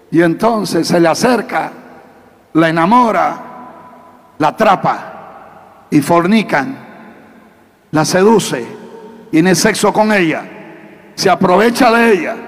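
Slow, high-voiced preaching man in a hall. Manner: dramatic preaching, rhetorical questions, acts out dialogues. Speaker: pastor. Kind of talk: sermon.

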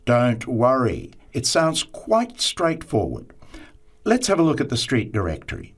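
An actor playing a helpful man who explains calmly, step by step, in a scripted dialogue. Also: medium pitch, a little slow, husky, exaggerated voice. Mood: helpful, reassuring. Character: helpful man calmly giving street directions. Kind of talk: scripted dialogue for a listening test.

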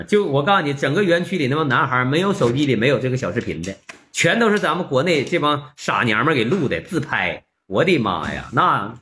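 A man's voice: mid-range voice, a bit bright. A man with a Northeastern Mandarin accent, telling stories to his audience in a blunt, mocking, exclamatory way. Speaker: vlogger. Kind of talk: storytelling monologue.

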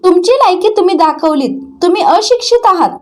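Lady reading as an old dad, hurt and indignant, high voice. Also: animated, fairly quick. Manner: pleading and indignant. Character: elderly father, hurt and indignant. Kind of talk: dramatic recap reading.

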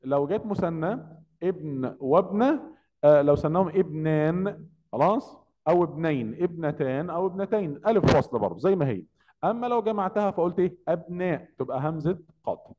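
A man's voice: on the high side, lively intonation, a little fast, big-room sound, highs cut off. A man with an Egyptian accent teaching an Arabic grammar lesson, asking questions and answering them himself. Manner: quizzing, asks a question then answers it himself.

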